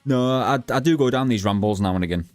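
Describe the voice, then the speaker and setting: A young man streaming a game, chatting bluntly and rambling with halting restarts to his live chat. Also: medium pitch, no echo, faint music behind. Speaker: gaming livestreamer.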